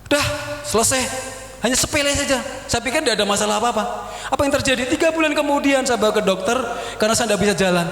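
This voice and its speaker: Animated Javanese-accented man preaching. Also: very high voice, fast talker. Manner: animated storytelling, acting out dialogue. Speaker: pastor. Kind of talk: sermon. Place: church hall. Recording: echoey church hall.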